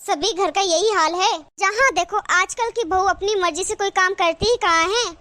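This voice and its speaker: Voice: very high-pitched, normal speed, bright, forceful tone, no room sound. A voice actor playing a meddlesome, dramatic neighbor woman who gossips breathlessly in a cartoon. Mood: gossiping. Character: gossiping busybody neighbor woman, middle-aged. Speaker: cartoon character. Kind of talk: cartoon voice acting.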